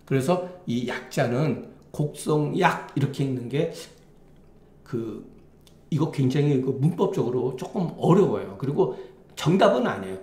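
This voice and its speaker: A man teaching a classical Chinese text as a lecture, talking in a halting way with many restarts and fillers. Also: medium pitch, animated, warm tone, reverberant.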